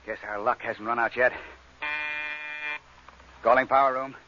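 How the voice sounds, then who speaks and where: An actor playing a commanding, curt spaceship captain in an old science fiction radio drama, speaking in a clipped, authoritative way. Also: male voice, mid-range voice, steady tone, measured pace, close to an everyday voice. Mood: grim, businesslike. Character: hard-pressed, commanding male spaceship captain, curt and gruff. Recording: dull old radio recording, faint noise.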